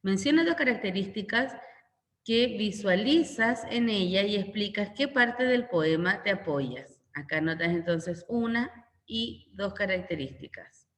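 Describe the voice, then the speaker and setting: A woman's voice: mid-range voice, expressive, unhurried. A Chilean woman teaching a primary school lesson, going through the worksheet and repeating each question in plainer words. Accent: Chilean Spanish. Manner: instructional, repeats questions and explains. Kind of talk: recorded class walkthrough. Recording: echoey room with long reverb.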